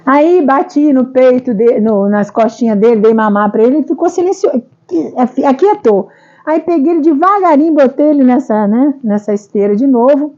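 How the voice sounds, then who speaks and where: Brazilian woman, high mellow voice, emotional testimony full of repetitions and tag questions, muffled lo-fi sound. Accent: Brazilian Portuguese. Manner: rambling, repeats herself, frequent tag questions. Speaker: speaker sharing a personal testimony. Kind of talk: emotional first-person testimony.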